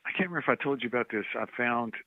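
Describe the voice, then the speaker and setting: A man talks over a thin, tinny phone line that sounds close and dry. He tells rambling, animated stories and keeps circling back to names he can't recall. His voice sits at an ordinary middle pitch. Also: rapid-fire, no room sound. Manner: rambling, animated storyteller, loses track of names. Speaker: guest musician on a call. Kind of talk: casual phone chat.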